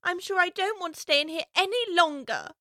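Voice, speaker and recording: Curious chatty little girl musing to herself, a woman voicing her, high and bright, dry sound. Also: expressive, fairly quick, no room sound, full character voice. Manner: musing aloud to herself, prim and wondering.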